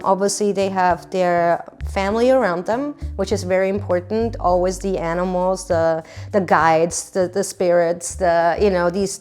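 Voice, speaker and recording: A woman from Austria, an artist, speaking reflectively about her work with many pauses, fillers and restarts. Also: lowish voice. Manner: soft-spoken, halting, many fillers and restarts. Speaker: painter. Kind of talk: reflective interview monologue.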